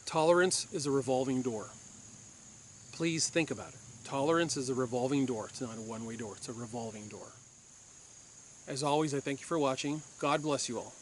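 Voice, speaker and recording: A man's voice: mid-range voice, a little fast, a little hiss or hum. A man from Puerto Rico, a former police officer, hosting a firearms channel and giving an insistent opinion monologue to camera, repeating his points for force.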